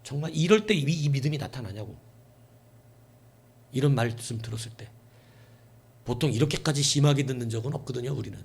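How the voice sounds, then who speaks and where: A man pastor preaching a night-service sermon, emphatic, acting out imagined dialogue and swinging between loud outbursts and hushed asides. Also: mid-range voice, animated, fairly quick, vocal fry, long pauses, breathy edge. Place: church.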